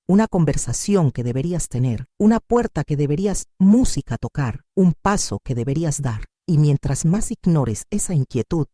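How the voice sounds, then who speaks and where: A woman's voice: sits low, dark tone, dry recording, clean studio sound. A woman giving scripted devotional narration, preaching in a dramatic, emphatic way.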